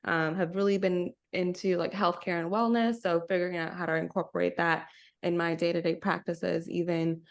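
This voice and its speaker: Over a video call, a young woman from the Bahamas co-hosts a podcast, reflecting casually and introducing herself, with frequent "kinda" and "right?". She speaks at normal speed in a lowish, level voice.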